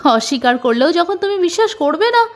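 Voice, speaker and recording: A woman's voice: very high-pitched, very animated, a little fast, faint music behind, pitched above the performer's own voice. A woman voicing an older husband who answers his suspicious wife with teasing banter, in a storybook reading. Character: older husband, teasing, evasive, mildly mocking.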